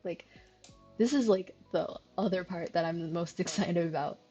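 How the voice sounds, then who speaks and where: A woman's voice: fairly low pitch, moderate pace, warm tone, soft background music. A woman streaming a visual novel, chatting casually and giggling, with lots of fillers.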